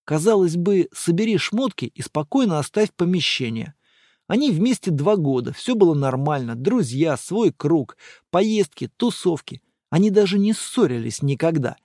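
A male narrator reading an audiobook in a calm, measured voice with lively shifts in pitch. The recording is close and dry, with no room sound. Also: no echo.

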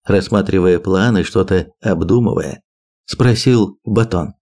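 A male audiobook narrator with a low voice and a dark, mellow tone. He reads steadily and evenly. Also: measured pace. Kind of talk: scripted narration.

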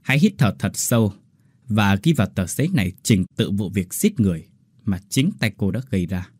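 Man playing a stern army interrogator, horror audio story, measured formal tone, dark husky voice. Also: lowish voice, animated, dry recording, clean studio sound. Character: calm male military interrogator, stern.

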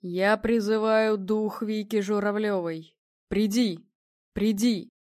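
A woman's voice: mid-range voice, normal speed, a little mellow, no echo, clean studio sound, close to an everyday voice. A woman voicing a confident, imposing male medium who speaks weightily and commandingly, in a storybook reading.

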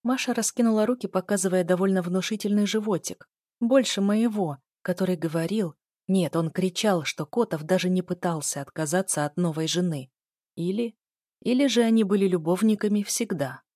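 A woman narrating a novel in the first person, in a calm, even reading voice on a close mic. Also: fairly low pitch, normal speed, no echo. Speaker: audiobook narrator.

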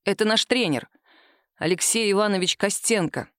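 A woman's voice: medium pitch, normal speed, a bit bright, dry recording, natural voice. A stubborn, grief-struck young man barks short, tense lines in an audiobook, as a woman reader puts him on. The voice sits mid-height and is recorded dry and close. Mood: curt. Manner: abrupt, tense exclamations.

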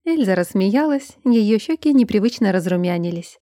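A woman reading an audiobook in an even, measured narrating manner. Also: medium pitch, dry recording, clean studio sound. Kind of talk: scripted narration.

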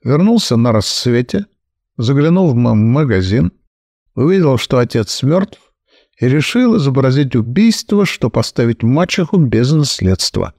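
A man voicing a calm, shrewd detective who explains matter-of-factly. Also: mid-range voice, dry recording, studio quality. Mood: explaining. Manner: brisk, matter-of-fact explaining. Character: calm, shrewd older male detective, brisk and dry.

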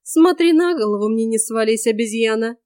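A woman voicing a mischievous young female forest spirit who mocks and teases in a bright, sharp-tongued way. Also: a little high, animated, normal speed, dry recording, lightly acted. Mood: scornful.

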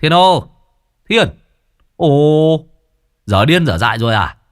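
A man voicing a loud, impatient older man in a ghost story, shouting and teasing. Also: fairly high pitch, sing-song, takes it slowly, pitched above the performer's own voice. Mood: mocking. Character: loud older male companion, mocking and impatient.

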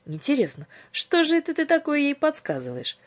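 A woman voicing a wry, watchful male guardian angel who speaks in a teasing, dry way, with a breathy voice. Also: on the low side, animated, moderate pace, darkish tone.

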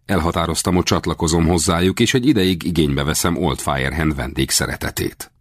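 A man narrating a novel in the first person as an audiobook, in steady, measured storytelling. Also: low voice, no room sound, clean studio sound.

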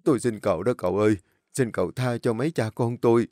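A man's voice: mid-range voice, fast, dark tone, no echo, clean studio sound, natural voice. A man voicing a terrified middle-aged father who begs desperately for mercy. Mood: desperate begging. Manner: pleading, desperate.

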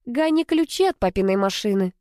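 A woman voicing a lively, mischievous twenty-year-old female student who chatters quickly and teases her brother. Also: mid-range voice, no echo, clean studio sound, natural voice. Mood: teasing.

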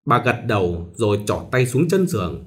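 A man narrating a novel aloud in an expressive storytelling manner. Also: fairly low pitch, moderate pace. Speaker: audiobook narrator.

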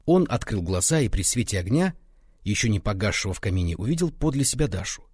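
A man narrating a classic story in a measured, expressive audiobook reading. His voice is husky and lively in pitch, recorded close and dry with no room sound. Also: no echo.

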